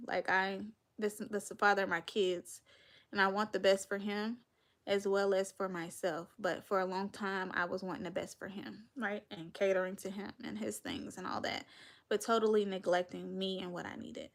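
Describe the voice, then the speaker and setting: A woman's voice: medium pitch, a bit bright. A woman in her thirties with a North Carolina Southern accent, hosting a casual podcast livestream and chatting directly with viewers, calling them y'all. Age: 30s. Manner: chatty, addresses viewers as y'all, laughs often. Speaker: podcast host.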